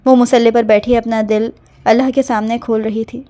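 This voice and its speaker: Mellow woman reading a romance novel. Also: a little high, level tone. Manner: smooth storytelling. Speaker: narrator.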